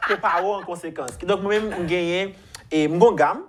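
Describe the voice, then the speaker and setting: A man in his thirties, a guest chatting about grooming in a halting way with many restarts. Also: high voice, very noisy. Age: 30s. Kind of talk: casual chat.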